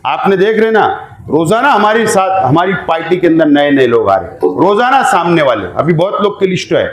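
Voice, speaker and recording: A man with a Maharashtrian Hindi-Urdu accent, an election candidate giving an exhorting campaign speech that rises to shouts. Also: sits high. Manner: exhorting, emphatic, rising to shouts. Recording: echoey room sound.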